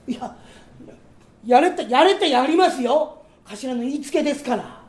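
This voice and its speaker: A man's voice: very high voice, animated, unhurried, echoey room, voice pushed down. A man performing comic storytelling, voicing a dim-witted, giggly young male thief apprentice who fawns on his boss. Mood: nervous. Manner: silly, giggly, fawning. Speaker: rakugo storyteller.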